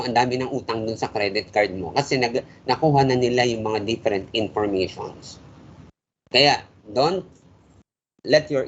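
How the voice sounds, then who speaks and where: A man giving a classroom lecture, switching between Tagalog and English and often ending phrases with a questioning "no?". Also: medium pitch. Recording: dull lo-fi recording with faint hiss.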